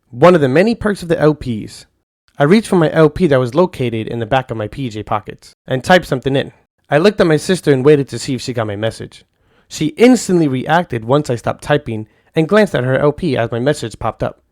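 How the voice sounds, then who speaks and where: A man narrating a first-person audio story in a calm, soft-spoken way. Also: on the high side, fairly quick, no room sound, clean studio sound.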